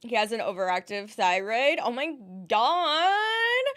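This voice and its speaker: A woman streaming live, chatting casually, greeting viewers and squealing excitedly over subscriptions. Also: high-pitched, slow. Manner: bubbly, greets chatters, gasps and squeals at subs.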